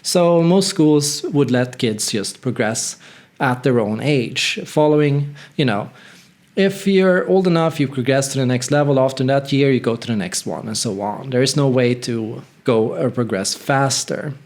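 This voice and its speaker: A man's voice: mid-range voice, measured pace, darkish tone. A man from northern Sweden, telling a personal story in a candid, reflective, conversational way. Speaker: channel host.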